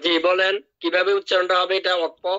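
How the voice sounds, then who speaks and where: A man teaching Quran recitation in an online class, drilling each word slowly and patiently. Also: high voice, monotone, bright, forceful tone, dull audio. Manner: drills words by repeating them slowly. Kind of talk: online tajweed lesson.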